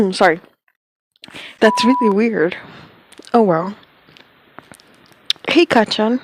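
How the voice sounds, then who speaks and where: A woman's voice: a little high, animated, very slow, noisy background. A young woman casually reading a story aloud, giggling, flustered and stumbling over lines. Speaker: fanfic reader.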